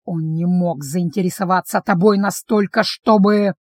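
A woman reading an audiobook, voicing a menacing, jealous male vampire in a low, slow, seething hiss. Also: fairly even intonation, darkish tone, no echo, studio quality, lightly acted. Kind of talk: audiobook character voice.

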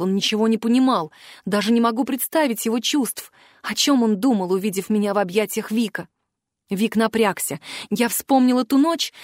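A woman narrating a first-person fantasy audiobook in an expressive, emotional way. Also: on the high side, dry recording, clean studio sound.

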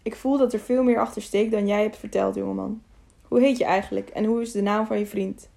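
A woman's voice: medium pitch, fairly even intonation, brisk, vocal fry, mellow, natural voice. A woman reading the part of a stern, honest older male councillor who speaks firmly and with authority. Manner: firm, commanding.

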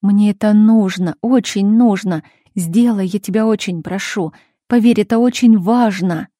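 A woman reading a calm, insistent grown daughter. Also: mid-range voice, a little slow, no room sound, studio quality, close to an everyday voice. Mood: pleading, firm. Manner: calm, patient, pleading.

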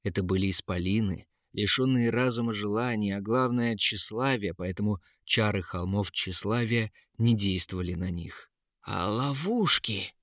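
A man narrating a fairy tale in a dramatic, measured way, close to the mic. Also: on the low side, fairly even intonation, no room sound. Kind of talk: storybook narration.

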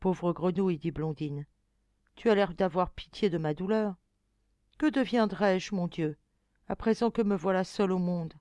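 A woman's voice: lowish voice, normal speed, dark tone, no echo, natural voice. A woman voicing a grieving, remorseful young girl in an audiobook, pleading and tearful in a raised voice. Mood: sorrowful. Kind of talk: audiobook reading.

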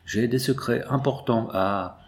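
A man's voice: mid-range voice, measured pace, natural voice. A man reading the part of a dying older knight and father in an audiobook, speaking in a weak, faltering way. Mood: faltering, pleading.

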